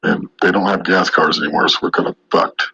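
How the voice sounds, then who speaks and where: A man putting on a disguised deep voice, playing a weary, broke version of his own future self, deadpan and mock-mysterious. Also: fairly quick, vocal fry, slightly rough, dull audio, full character voice. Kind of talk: comedic bit on a casual podcast.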